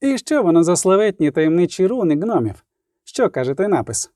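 A lively, curious bard eager to know everything, his voice raised and animated, as a man plays him. Mellow and dry. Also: high voice, a little fast, no room sound, pitched above the performer's own voice. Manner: eager, inquisitive.

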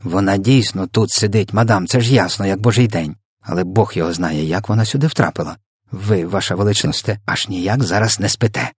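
A man with a husky voice reading the lines of an indignant, flustered royal maid, scolding and anxious. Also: lowish voice, brisk, dry recording, studio quality. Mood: insistent.

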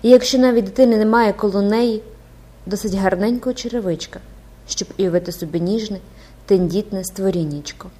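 A woman narrates a classic novel in an expressive, dramatic reading. Her voice sits at a middle pitch, and her scripted narration is steady and engaged. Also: fairly quick, breathy edge. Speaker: audiobook narrator.

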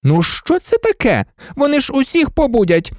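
A man's voice: extremely high pitch, huge pitch swings, normal speed, dry recording, studio quality, voice pushed up, exaggerated voice. A man doing a fussy, scolding school nurse. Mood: indignant. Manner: indignant, scolding. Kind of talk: audiobook character voice.

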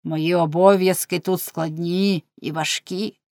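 A woman's voice: on the low side, fairly even intonation, a little slow, creaky, a little mellow, no room sound, studio quality. A woman voicing an arrogant male governor who mocks his wife in a scornful, pompous way, as a character in an audiobook.

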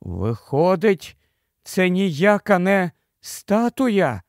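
A man reading the part of a gentle, perceptive young girl in a storybook, speaking softly. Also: high voice, expressive, unhurried, no echo, clean studio sound, pitched above the performer's own voice. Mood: wondering.

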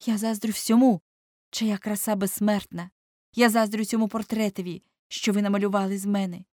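A woman's voice: mid-range voice, fairly even intonation, moderate pace, mellow, no room sound, pitched above the performer's own voice, lightly acted. A woman reading aloud voices a vain, anguished young man who dreads growing old, in impassioned, pleading speech. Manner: impassioned, rising to pleading outbursts.

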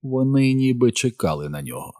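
A man narrating an audiobook in a measured, steady storytelling manner. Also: mid-range voice, no echo, studio quality. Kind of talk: scripted narration.

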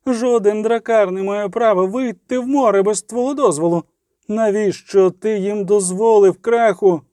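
A man's voice: sits high, expressive, normal speed, dark tone, dry recording, studio quality, pitched above the performer's own voice. A man voicing a cold, imperious old queen. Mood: furious. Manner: cold, commanding, scolding.

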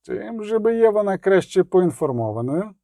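A man voicing a calm, well-informed middle-aged merchant in an audiobook, explaining in a measured way. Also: sits high, no room sound, clean studio sound, voice pushed up.

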